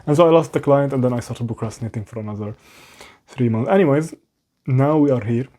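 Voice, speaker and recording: A young man with a non-native English accent vlogs from a small room at home, rambling candidly to the camera. He often mocks himself and restarts his sentences. His voice is mid-range and dark, and he talks quickly.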